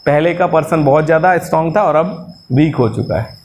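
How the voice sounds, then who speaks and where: High-voiced man teaching a lively, joking lesson. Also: fairly quick, slight background noise. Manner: jokey, keeps asking "है ना?" and calls students "बेटा". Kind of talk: classroom lecture.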